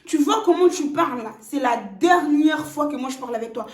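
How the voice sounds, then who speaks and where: A woman's voice: high-pitched, expressive, brisk. A woman doing a stern scolding father. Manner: stern, warning. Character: stern older father, scolding his son. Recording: roomy echo.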